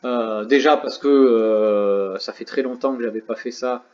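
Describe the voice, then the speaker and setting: A man's voice: medium pitch, measured pace, a little mellow. A tired man hosting a casual e-commerce tutorial, chatty, with self-mocking asides. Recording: roomy, slightly dull sound.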